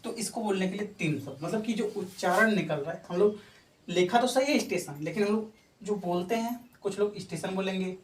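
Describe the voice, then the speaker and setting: A man's voice: high-pitched, fairly quick. A male teacher giving an exam-prep lecture. He explains things patiently, repeats each example several times and keeps checking in with his listeners. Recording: echoey room from far off, faint noise.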